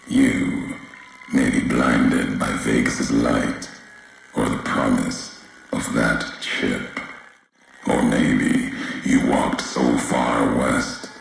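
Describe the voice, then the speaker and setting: Ulysses, an extremely deep, gravelly wasteland courier. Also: male voice, slight background noise, full character voice, poor audio. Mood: accusing, grim. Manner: slow, solemn, cryptic, deliberate pauses between short phrases. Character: grave, brooding wasteland courier and ex-legion tribesman. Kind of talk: dramatic video game dialogue.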